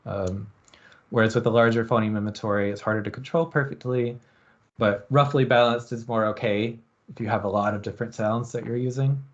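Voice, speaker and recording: A man lecturing at a university, explaining experiment design in a relaxed way and thinking aloud with frequent ums. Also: mid-range voice, fairly quick, muffled recording.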